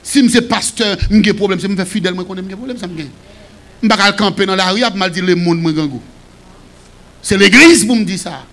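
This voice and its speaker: A man with a Haitian accent preaching a sermon as pastor, shouting and singing some phrases. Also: high voice, a little fast. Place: church.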